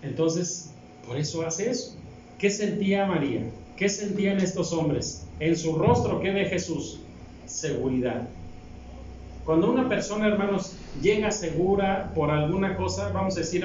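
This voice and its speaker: A man's voice: sits high, a little slow, a little mellow, a little hiss or hum. A man with a Mexican accent, a deacon preaching a sermon and reading scripture, asking the congregation question after question. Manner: asks the congregation rhetorical questions. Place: church hall. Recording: very echoey hall, distant mic, dull sound.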